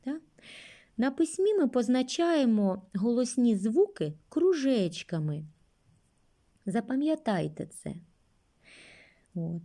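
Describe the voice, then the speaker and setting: A woman teaching young children a speech lesson, speaking gently and drawing out words for them. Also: a little high, big pitch swings, slow, long pauses. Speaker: kindergarten teacher.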